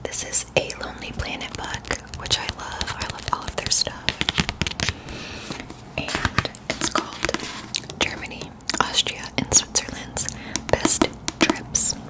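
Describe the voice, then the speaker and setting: A woman in a whispered role-play, chatting as if to a close friend, keeping hushed and quiet at night so nobody wakes. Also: slow, poor audio. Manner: quiet at night, hushed so as not to wake others. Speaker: ASMR performer.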